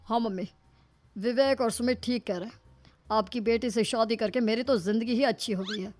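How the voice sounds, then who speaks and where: A woman's voice: on the high side, normal speed, a little mellow, natural voice. Woman doing an idle, casual young man. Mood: agreeable. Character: idle young son-in-law, flattering and grumbling man. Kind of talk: animated comedy story dialogue. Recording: music behind the voice.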